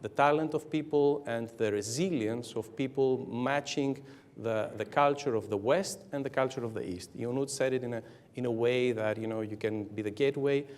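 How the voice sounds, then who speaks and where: A man speaking on a business conference panel, halting and repeating words, building up to rallying lists. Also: mid-range voice, darkish tone. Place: hotel conference room.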